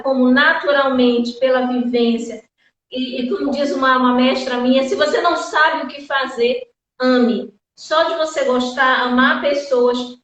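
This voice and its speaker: A woman hosting a live chat in an effusive, rambling, thankful way, heard from a distance. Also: high-pitched. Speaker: live-stream host. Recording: echoey, distant, dull sound.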